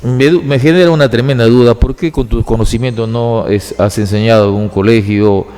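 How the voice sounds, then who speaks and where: A man's voice: mid-range voice, fairly even intonation, brisk, mellow, big-room sound. A man with a Peruvian Amazonian Spanish accent hosting an interview, asking curious, prompting questions. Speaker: interview host.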